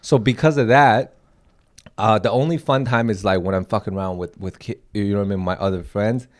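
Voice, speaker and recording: A young Taiwanese man with a lowish voice talks fairly quickly as co-host of a laid-back comedy podcast. He rambles through his stories and acts out the quotes as he goes.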